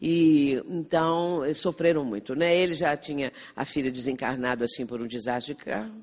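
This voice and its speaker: A woman's voice: low voice, moderate pace, darkish tone. A woman with a Brazilian Portuguese accent gives a lecture, earnest and explanatory. She keeps tagging her points with little checks to the listeners. Her voice rings with the long reverb of a hall. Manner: earnest, explanatory, frequent "não é?" tags. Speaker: spiritist lecturer. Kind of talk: lecture with anecdotes.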